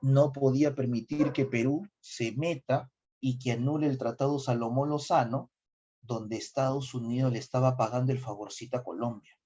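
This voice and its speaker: A middle-aged man with a Peruvian accent giving a lively history lecture, quizzing his students as he goes. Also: medium pitch, normal speed. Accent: Peruvian Spanish. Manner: asks students questions, animated. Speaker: history teacher. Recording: slightly dull lo-fi recording.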